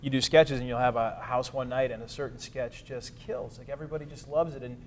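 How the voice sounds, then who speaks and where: A man's voice: medium pitch, fairly even intonation. A man comedian telling rambling stories in a casual panel chat. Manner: fast, rambling storyteller. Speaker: comedian guest.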